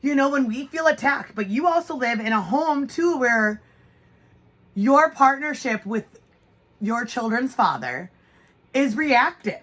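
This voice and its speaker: A woman's voice: high-pitched, animated, a little slow, fairly bright tone. A woman in her thirties, a podcast co-host, talking frankly and casually, with swearing and frequent laughter. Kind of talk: casual chat.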